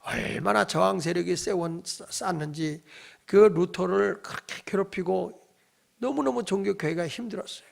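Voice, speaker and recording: A middle-aged male pastor preaching a sermon. He tells stories dramatically, acts out the dialogue in them with shouts and whispers, and urges the congregation to respond. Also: high voice, moderate pace, creaky.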